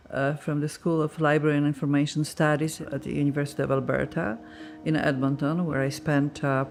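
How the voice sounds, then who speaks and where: A Polish librarian, whose first language is Polish, speaks slowly and haltingly in a documentary interview. Her voice sits low, and she sounds reflective, often searching for words.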